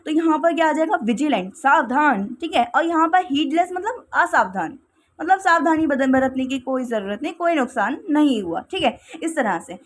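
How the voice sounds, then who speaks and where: A woman's voice: high voice, lively intonation, normal speed. A woman teaching English vocabulary in a casual classroom style, repeating "okay" often and explaining with everyday examples.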